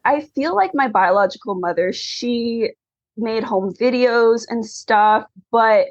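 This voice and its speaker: A Taiwanese adoptee author in her thirties, whose first language was Mandarin, speaks as an interview guest, earnest and candid, often saying "like," and close to tears. Her voice is on the high side with lively intonation and a slow pace, recorded lo-fi with no echo.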